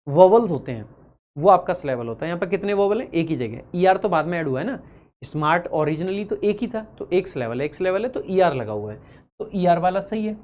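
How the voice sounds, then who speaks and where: An English teacher runs an exam-prep grammar class, explaining briskly, then slowing right down to read each example sentence with deliberate emphasis. He keeps posing questions and answering them himself, chatting familiarly with students in a high-sitting, darkish voice.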